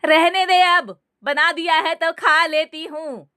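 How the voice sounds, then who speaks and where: A woman voicing a demanding older mother-in-law who shouts and scolds in slow, drawn-out words. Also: extremely high pitch, fairly even intonation, no echo, studio quality, pitched above the performer's own voice, heavily acted. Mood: scolding.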